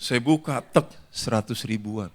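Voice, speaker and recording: A man's voice: medium pitch, measured pace. A man preaching a sermon as a pastor, telling a funny story to his congregation with laughter. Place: church hall.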